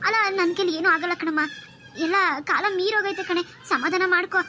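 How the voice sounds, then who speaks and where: Fretful cartoon mom, high-pitched and quick. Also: female voice, steady tone, background noise. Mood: coaxing. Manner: coaxing, exasperated. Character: worried middle-aged mother, pleading and sensible. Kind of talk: cartoon voice acting.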